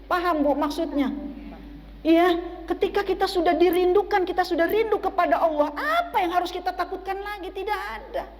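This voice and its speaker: In a mosque's large hall, a woman with a very high voice preaches fairly quickly to a women's study group. She frequently puts questions to the audience and waits for their replies.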